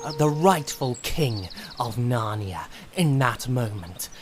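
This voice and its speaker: A man's voice: medium pitch, animated, slow pace, noisy background. A man playing a proud young prince and devoted son in a fan audio drama, with an earnest, grandiose delivery. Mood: proud, stirring.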